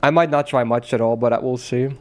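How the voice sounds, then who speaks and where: A man's voice: mid-range voice, fairly even intonation, quick pace. A male streamer chatting casually with his viewers, loose and rambling, often laughing and swearing.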